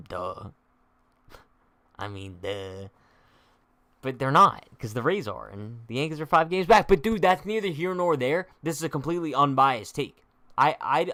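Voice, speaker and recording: Brash young guy with a bright voice. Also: on the high side, no room sound. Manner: brash, joking trash talk, reads chat aloud; slangy, says "bro" a lot. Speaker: sports show host. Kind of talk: live-stream sports chat.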